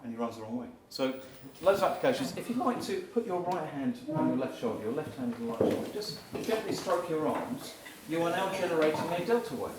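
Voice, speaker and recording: A man giving a short live talk, walking the audience through exercises and calling out loudly at times. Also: on the high side, fast, hardly any pauses. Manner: energetic, instructing the crowd, rising to loud calls. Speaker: speaker at a live talk event. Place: event venue with a live audience. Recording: echoey hall, far from the mic, crowd noise.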